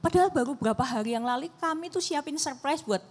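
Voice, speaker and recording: A woman's voice: high voice, lively intonation, fast, in a large hall. A middle-aged woman speaking at a church family seminar, chatty and loose, with many fillers and restarts. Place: church hall.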